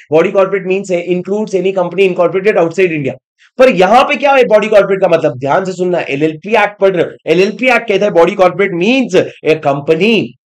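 A young man teaches a law revision class with lots of energy, throwing in English terms and firing questions at his students. His voice sits high for a man. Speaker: law lecturer for accounting exam students. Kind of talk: online revision lecture.

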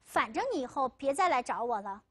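女主讲人扮演的忧虑又坚决的农村姑娘. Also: female voice, high voice, lively intonation, a little fast, a bit bright, slightly rough, exaggerated voice. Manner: anxious, then firmly refusing. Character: young village woman, worried and firm girlfriend.

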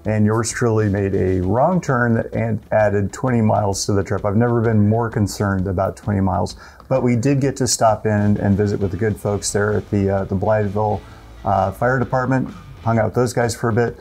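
A man's voice: on the low side, fairly even intonation, a little fast, creaky, darkish tone, a little hiss or hum. A middle-aged man in a studio chatting in an easygoing, self-deprecating way. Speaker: co-host. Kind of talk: casual studio conversation. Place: indoor studio with a car.

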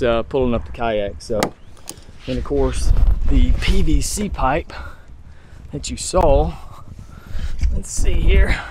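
A man's voice: mid-range voice, slight background noise. A man in his thirties talking casually to a handheld camera at arm's length outdoors, explaining his fishing gear with plenty of "uh"s. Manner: relaxed, filler-heavy explaining. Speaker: fishing vlogger. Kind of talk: casual vlog narration. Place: outdoors on a suburban street and lakeside, also in a truck. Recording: music playing underneath. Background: background music.

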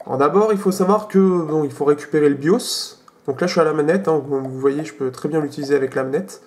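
A man's voice: fairly high pitch, fast talker, a little mellow. Hesitant young French man demoing tech. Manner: hesitant, many fillers and restarts. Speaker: tech video host. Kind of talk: casual screen demo.

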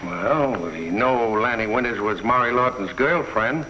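A man's voice: medium pitch, expressive, a little slow, pushed and bright. An actor playing a practical male police lieutenant who speaks in a matter-of-fact, wry way, on an old 1950s TV soundtrack. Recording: dull 1950s TV soundtrack, faint hiss.

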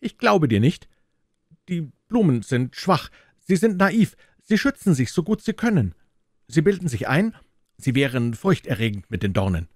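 A man's voice: fairly high pitch, very animated, moderate pace, a little mellow, no room sound, clean studio sound, voice pushed up. A man voicing a small, earnest boy prince from another planet, who questions insistently and indignantly.

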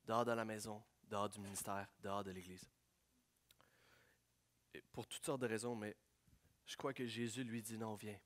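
A man preaching a sermon, swinging from hushed prayerful lines to loud, excited storytelling. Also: lowish voice, normal speed, pauses often. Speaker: pastor.

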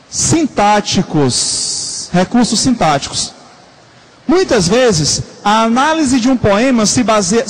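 Male teacher, very high voice, lecture style, repeats terms slowly, echoing room. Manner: repeats terms slowly for note-taking, asks the class questions. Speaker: Portuguese teacher. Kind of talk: classroom lecture.

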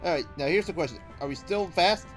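Guy doing casual lets play commentary, highish voice, music behind him. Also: fast. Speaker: let's play host. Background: game music.

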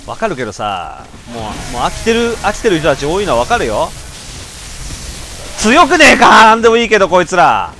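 A man giving casual, rough-spoken commentary while playing a video game, often yelling and stammering in panic. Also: high voice, huge pitch swings, brisk, slight background noise. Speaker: gameplay commentator. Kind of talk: casual let's-play commentary.

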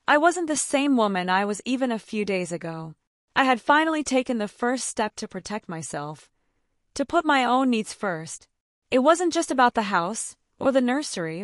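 A woman's voice: on the high side, no room sound, clean studio sound. A woman narrating a tense, dramatic first-person story.

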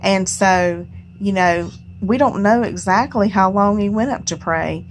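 Slow, folksy woman reading scripture. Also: medium pitch, slight background noise. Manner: folksy, unhurried, reads scripture aloud then muses on it with "you know". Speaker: home Bible study host. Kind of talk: casual Bible reading and reflection. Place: at home.

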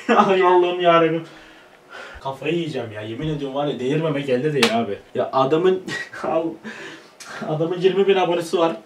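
A man's voice: a little high, fairly bright tone, distant mic. A young man on his own channel, ranting in frustration with lots of swearing and laughing asides. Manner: frustrated, swearing, half-joking rant. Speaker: YouTuber. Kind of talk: ranting vlog.

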